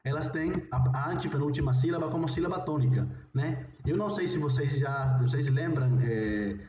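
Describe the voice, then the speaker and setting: A man's voice: on the high side, normal speed. A man teaching a recorded video lesson, talking in a hesitant way with many fillers and restarts. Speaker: Portuguese teacher. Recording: roomy, distant, dull, faint noise.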